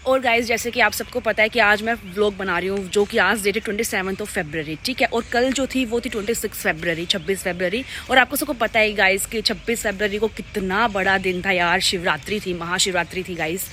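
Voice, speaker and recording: Chatty young woman with a bright voice. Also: medium pitch, a little hiss or hum. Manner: chatty, addresses viewers as "guys" constantly; fast-talking. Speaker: vlogger. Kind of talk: casual vlog chat to camera. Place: at home and outside in the street.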